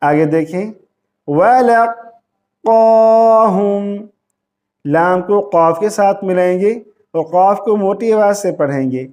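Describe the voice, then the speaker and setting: A man teaching Quran recitation, reciting each word slowly in a melodic chant, repeating it, and adding plain spoken instructions. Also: high-pitched, darkish tone. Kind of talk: slow step-by-step recitation lesson.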